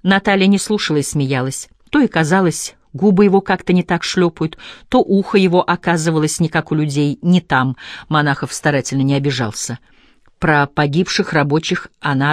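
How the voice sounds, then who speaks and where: A woman narrating a literary novel in a measured, thoughtful manner, slowing on key phrases. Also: deep voice, dry recording, studio quality. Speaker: audiobook narrator. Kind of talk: scripted narration.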